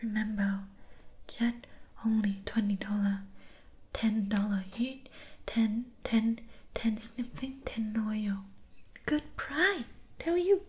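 A young woman playing a pushy shopkeeper in a whispered role-play, soft-spoken and breathy with a Vietnamese accent and clipped broken-English sales patter. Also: mid-range voice, slow pace, long pauses, natural voice. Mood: insistent, soft. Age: young adult. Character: pushy, persuasive female Vietnamese shopkeeper selling sleep remedies. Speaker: ASMR performer.

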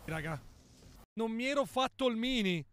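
Young male streamer with a strikingly high voice, loud and excitable, swears freely; casual live-stream banter. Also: moderate pace, a little hiss or hum.

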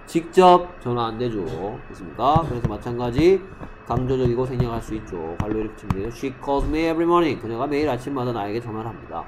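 A male English teacher in a classroom, quizzing students by name and slowly repeating English example sentences. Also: medium pitch, animated, crowd noise. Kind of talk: classroom lesson.

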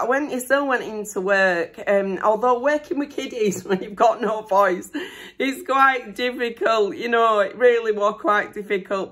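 A middle-aged vlogger chats casually into a camera in her bedroom at home, rambling in an excited, self-deprecating way. Her fairly high voice is hoarse and a bit rough as she recovers from losing it during a recent illness.

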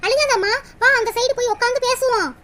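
A woman voicing a scheming, gossipy middle-aged village woman in a cartoon comedy, sweet-talking out loud and plotting in muttered asides. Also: extremely high pitch, fast talker, slight background noise. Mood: coaxing. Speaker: cartoon character voice.

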